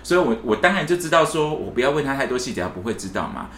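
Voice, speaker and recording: Guy telling a story on a podcast, acts out the quotes, talks fast, echoey room. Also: mid-range voice. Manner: animated storyteller acting out quotes. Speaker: podcast co-host. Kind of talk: casual podcast chat. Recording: echoey room, faint hiss.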